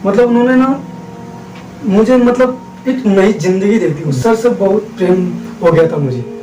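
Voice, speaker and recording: High-voiced man telling a dramatic story. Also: measured pace, mellow, faint music behind. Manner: dramatic, repeats rhetorical questions. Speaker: motivational speaker. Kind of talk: personal storytelling. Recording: roomy, distant, noisy recording.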